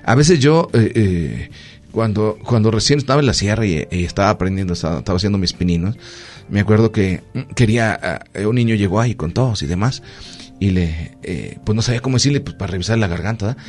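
A man's voice: fairly low pitch, fast, soft background music. A man with a Mexican accent, a doctor hosting a casual radio chat, telling stories with lots of fillers. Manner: storytelling, animated, lots of fillers.

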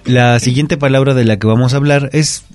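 A man's voice: mid-range voice, steady tone, a little fast, darkish tone, faint music behind. A man, explaining word usage carefully and methodically as a language expert on a talk segment.

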